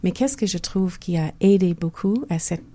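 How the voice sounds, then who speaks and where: A fairly low, mellow voice with lively intonation and normal speed belongs to an older Québécois physiotherapist being interviewed conversationally. She considers her words carefully, often pausing and starting her sentences again.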